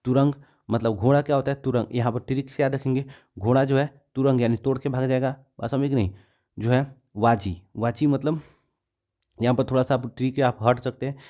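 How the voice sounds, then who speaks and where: Mellow-voiced Bihari Hindi teacher drilling words. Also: male voice, mid-range voice, fairly even intonation, fairly quick. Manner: repeats words, checks understanding with "ठीक है ना". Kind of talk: exam-prep grammar lesson.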